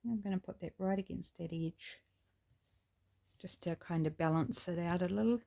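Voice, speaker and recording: Here the craft host's gravelly, scratchy voice sits on the low side, delivered at normal speed with a New Zealand accent. She chats easily about her project, relaxed and musing aloud as she goes.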